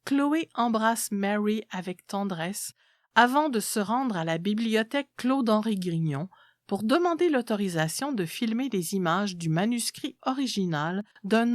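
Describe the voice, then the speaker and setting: A woman's voice: mid-range voice, no echo, clean studio sound. A woman reading a literary story aloud as a scripted narration.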